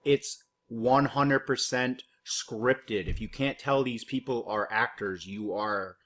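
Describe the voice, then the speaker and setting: A man's voice: mid-range voice, slow, a bit bright. A man doing a mocking, rambling reaction commentary over news clips, cursing and heavy on fillers. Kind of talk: profane sarcastic reaction commentary.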